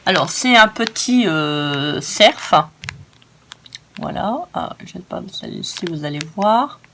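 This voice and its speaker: A woman's voice: on the low side, animated, slow, a bit bright, a little hiss or hum. A woman hosting a casual crafting demonstration, chatty and enthusiastic, often stumbling over her words. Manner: gushing and enthusiastic. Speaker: craft video host.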